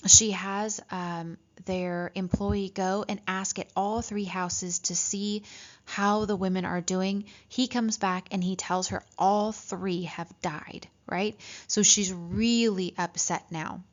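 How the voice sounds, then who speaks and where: A woman teacher walks her class through a story, reading lines aloud and stopping to explain them. She talks at a middling pitch, checks in with "right?" and fills pauses with "um". The recording sounds dull and lo-fi. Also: steady tone.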